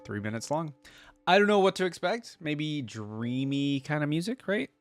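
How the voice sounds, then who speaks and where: A man with a fairly high, sing-song voice talks at a moderate pace as a video host doing casual reaction commentary. He muses informally, thinking aloud, while music from the videos plays in the background.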